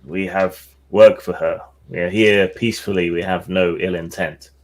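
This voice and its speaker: A man's voice: sits low, steady tone, normal speed, natural voice. A man voicing a polite cleric adventurer who addresses strangers in formal, diplomatic speech. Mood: courteous.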